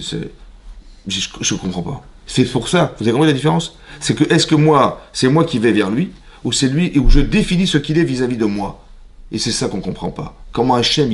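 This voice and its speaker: A rabbi gives a casual Torah class, his man's voice sitting at an ordinary middle pitch. He talks in an animated, repetitive way, constantly asking his listeners whether they follow, and now and then sinks to a hushed tone. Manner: animated, keeps checking in with listeners; frequent repetitions and restarts, occasionally dropping to a hushed voice. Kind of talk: informal Torah lecture to a live class.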